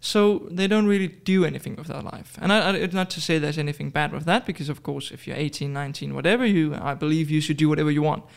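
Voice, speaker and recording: A Danish guest in his twenties talks quickly in a fairly high voice with vocal fry, hardly pausing. It's a casual podcast interview, and he hedges constantly with fillers and restarts.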